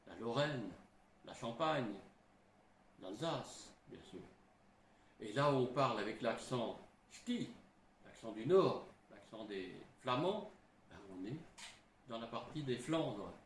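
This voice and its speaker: A middle-aged man, a historian, explaining in a halting way, full of restarts and little tag words. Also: medium pitch, animated, a little hiss or hum. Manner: halting, frequent "hein" and restarts. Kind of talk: explanatory talk. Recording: roomy with faint ambience.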